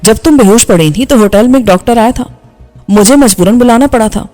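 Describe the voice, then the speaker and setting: A woman's voice: on the high side, dark tone, lightly acted. A woman voicing an angry, bitter young male engineer who speaks harshly in audiobook dialogue, over faint background music. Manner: harsh, scolding delivery.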